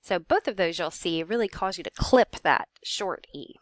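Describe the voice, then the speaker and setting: A woman teacher giving a recorded lecture, carefully sounding out words and filling pauses with um. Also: lowish voice, expressive, no room sound, clean studio sound. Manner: careful, demonstrating pronunciations with frequent ums.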